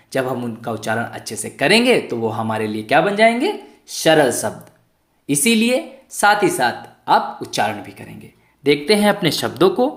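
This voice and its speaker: A man tutoring young pupils in an online lesson, asking the class questions and answering them himself, sounding out words letter by letter. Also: medium pitch. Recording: echoey room.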